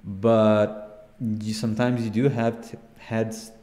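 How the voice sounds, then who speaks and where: A man, a game developer on a live stream, chatting casually and pitching ideas with enthusiasm and fillers. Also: level tone, takes it slowly, dark tone. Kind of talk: casual panel chat. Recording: echoey room with long reverb.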